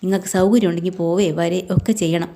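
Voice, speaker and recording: Brief: woman retelling as a blunt, angry working man, gruff and short-spoken, in a low, mellow tone. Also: fairly even intonation, fast, natural voice. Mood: curt, irritated. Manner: gruff and curt.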